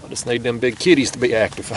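A young man, talking casually to camera from a kayak on a foggy river, easygoing and chatty. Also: mid-range voice. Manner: easygoing, chatty, drawls "y'all" and "ain't". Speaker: fishing vlogger. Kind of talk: casual talk to camera while fishing. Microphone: action camera mounted on the kayak. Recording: faint outdoor river noise.

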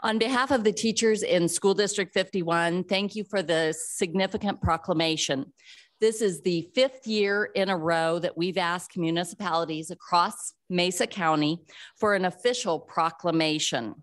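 A woman's voice: lowish voice, normal speed. Earnest woman speaking at a podium. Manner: earnest, with frequent fillers. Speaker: school district foundation director. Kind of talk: public remarks at a podium. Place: city council chamber. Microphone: podium microphone.

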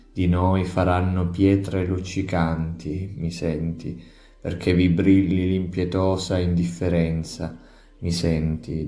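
A man giving a soft, measured, intimate poetry reading, trailing off at each refrain. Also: deep voice, reverberant. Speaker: poetry reader.

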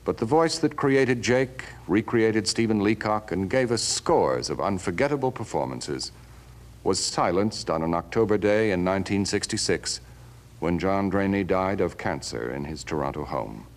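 A man announcing a scripted broadcast introduction in a formal, measured way. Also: low-pitched, lively intonation.

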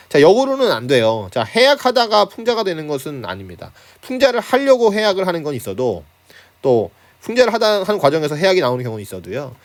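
A man teaching high school literature in a relaxed, conversational manner. His pitch moves widely as he explains, and he keeps prompting his students with short tag questions. He lectures from his home. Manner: starts phrases with a prompting filler, chuckles now and then. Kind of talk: online lecture on a class handout.

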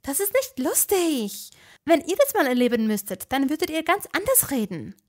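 Woman voicing a clever young witch, earnest, quick to take offence, high lively voice, fan audio drama. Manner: earnest, explaining, easily indignant.

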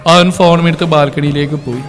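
A man's voice: on the high side, steady tone, fast. Man narrating a dramatic story. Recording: long reverb, soft music behind.

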